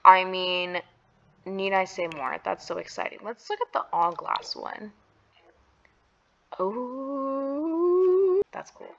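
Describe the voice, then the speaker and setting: Slow-talking gushing woman gamer. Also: lowish voice, gravelly, dull audio. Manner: gushing, excitable, slangy. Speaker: Sims builder and YouTuber. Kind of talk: casual gameplay commentary.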